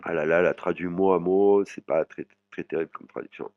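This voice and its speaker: A man teaching a language lesson, explaining words slowly and adding "hein" after many phrases. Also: low-pitched, fairly even intonation, dry recording. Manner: frequent "hein" tags, slow drawn-out sample words. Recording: dry, muffled lo-fi voice.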